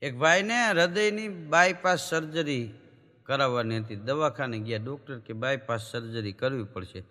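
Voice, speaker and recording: A man's voice: medium pitch, moderate pace, pushed and bright. A man, a folk comedian telling jokes on stage and acting out voices and animal sounds. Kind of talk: live stage joke-telling. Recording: reverberant hall recording.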